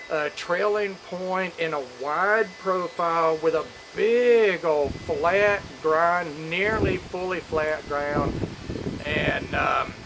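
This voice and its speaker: A man talking casually to camera as a channel host, rambling and opinionated, in an informal way. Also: fairly high pitch. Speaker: knife review channel host. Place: outdoors on a back porch in a storm. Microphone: phone camera. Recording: windy outdoor phone audio, storm noise.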